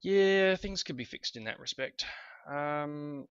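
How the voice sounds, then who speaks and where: A fairly high, smooth, slightly bright male voice takes its time, with no echo. Coming down with a cold, this let's play host rambles through a video game in casual commentary, often correcting himself, while faint music sits behind a slightly dull lo-fi recording.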